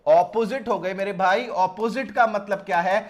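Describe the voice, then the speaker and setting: A man's voice: high voice, moderate pace. A man teaching an exam-prep vocabulary lesson in Hindi mixed with English, drilling each word by asking and answering himself again and again. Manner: drills words by repeated call and answer.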